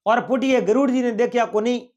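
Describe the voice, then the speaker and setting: Man, Marwari accent, folk storyteller, high voice, animated delivery. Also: moderate pace, lo-fi sound. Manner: animated, voices characters with rising pitch. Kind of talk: oral folk tale narration.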